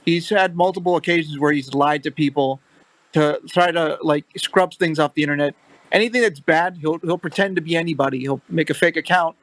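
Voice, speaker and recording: Male guest, high voice, casual chat, stammers through restarts. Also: a little fast, fairly bright tone, no room sound. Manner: stammering repeats at starts.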